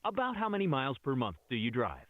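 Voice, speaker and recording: A man's voice: medium pitch, wildly swooping pitch, quick pace, dry recording. A man's voice on a recorded phone message, reading scripted promotional prompts in an upbeat, sing-song way. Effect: recorded phone message, robocall. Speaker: automated sales call voice. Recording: tinny phone line with faint hiss.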